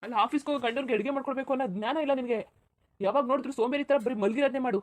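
A woman's voice: high voice, a little mellow, lightly acted. A woman voicing an exasperated office-going husband in a cartoon, scolding his wife. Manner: scolding, fast. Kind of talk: cartoon voice acting.

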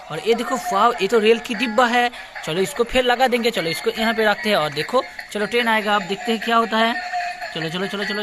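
Excitable man narrating toy play. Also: high voice. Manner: excitable, repetitive exclamations. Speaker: toy channel host.

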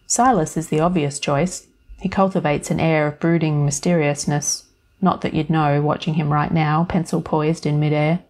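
Calm woman storyteller, low voice. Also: normal speed. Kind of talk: scripted narration.

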